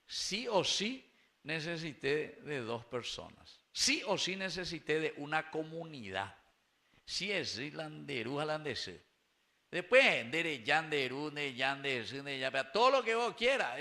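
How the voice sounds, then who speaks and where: A man with a Paraguayan Spanish accent preaches a homily, his voice bright and fairly high, swinging widely in pitch. He keeps turning to the congregation with questions and mixes Guaraní words into his Spanish. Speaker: priest. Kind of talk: sermon at a live-streamed Mass. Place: small chapel.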